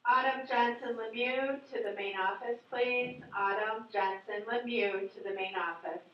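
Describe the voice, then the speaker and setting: A woman's voice: on the high side, unhurried, slight background noise. Lady on the school PA system, far off and super echoey, kinda muffled. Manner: brief, formal paging call. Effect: over a PA system. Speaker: office announcer. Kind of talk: public address announcement. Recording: distant echoey loudspeaker, muffled.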